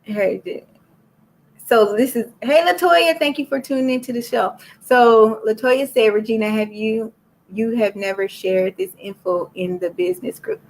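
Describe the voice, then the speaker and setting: Speaking through a laptop or phone for her live stream, a Floridian woman runs a book club and talks chattily straight to viewers. She has a fairly high voice at normal speed.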